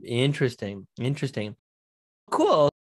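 Speaking at a measured pace, a podcast host in his thirties uses a mid-range voice with huge swings in pitch. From a home studio, he conducts an upbeat, chatty live interview over video call and keeps restarting his sentences. A boom-mounted studio mic shows in the shot.

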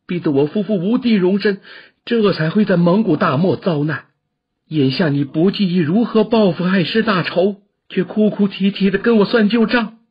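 A man voicing a fierce, harsh-shouting middle-aged woman martial artist in an audiobook. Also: sits high, husky, pitched above the performer's own voice. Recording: dull lo-fi audiobook recording.

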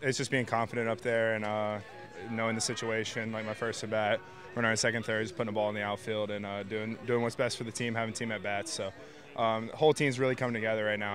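A young man answers postgame questions outdoors on a baseball field, speaking quickly in a low, monotone voice. He hesitates often and trails off with "so." A handheld mic held close picks him up. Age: young adult. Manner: halting, lots of fillers, trails off with "so". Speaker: college baseball player. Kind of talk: postgame interview. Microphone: handheld mic held by interviewer.

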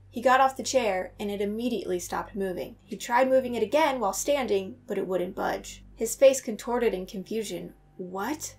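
Woman reading a scary story, higher voice. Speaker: horror story narrator. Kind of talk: first-person horror story reading.

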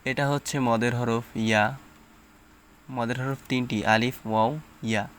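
A man with a mid-range, fairly bright voice teaches Quran reading in an unhurried, step-by-step lesson, explaining the rules and then sounding out letters and syllables one at a time. His intonation stays fairly even, and there's a little hiss or hum in the audio.

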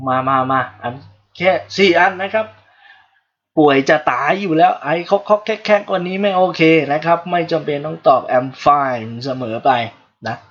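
A man's voice: a little high, animated, moderate pace, a bit bright, dull audio. A man from Thailand giving a casual livestream English lesson, joking asides to his viewers. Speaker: English teacher.

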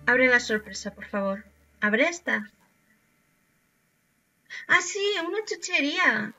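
A woman's voice: fairly high pitch, bright, forceful tone. A woman from Spain casually commenting on her life-simulation game and chatting to her characters. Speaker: gaming YouTuber. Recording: dull lo-fi sound.

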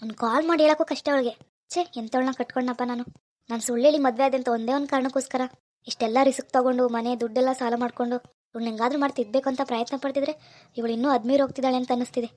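A woman's voice: sits high, steady tone, very fast, darkish tone. A woman voicing a worried, jealous young husband from a village, scolding and muttering to himself. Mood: fretful. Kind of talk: cartoon voice acting.

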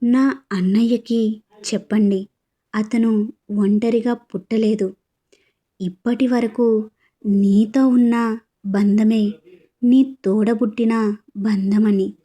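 A woman voicing a resolute young woman who calmly accepts a risky surgery in an audio story. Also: on the high side, measured pace, pauses often. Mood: tender. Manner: calm and steady.

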